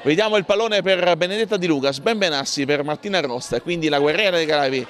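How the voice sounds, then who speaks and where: Guy doing live handball commentary, high voice, excitable, gym noise behind him. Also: fast. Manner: excitable, calling out names and goals in bursts. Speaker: sports commentator.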